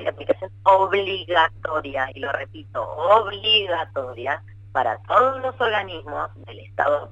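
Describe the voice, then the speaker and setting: Brief: a man with a somewhat high, gravelly voice, calling in over a choppy bad connection and explaining in a formal, measured way. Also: sharp tone, no room sound. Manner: measured and formal, stresses key words. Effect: choppy bad phone connection. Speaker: government minister interviewed by phone. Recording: dull, dry, choppy phone line.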